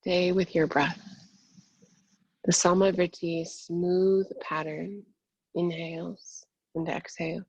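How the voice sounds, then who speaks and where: A woman yoga instructor giving gentle, soothing, unhurried cues in a soft, breathy, husky voice. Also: lowish voice, flat delivery, no room sound, muffled recording. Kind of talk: guided yin yoga instruction.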